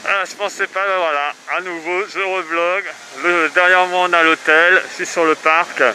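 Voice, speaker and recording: A man's voice: little pitch movement, moderate pace, bright, forceful tone. A man vlogging casually outdoors, his voice muffled through a face mask. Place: outdoors in a theme park. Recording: noisy outdoor vlog with vehicle rumble.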